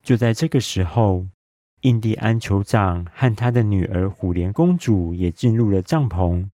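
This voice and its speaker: A man narrating a bedtime story in a soothing, calm and even way, as a dad telling stories to help listeners sleep. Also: fairly low pitch, normal speed, no room sound, studio quality.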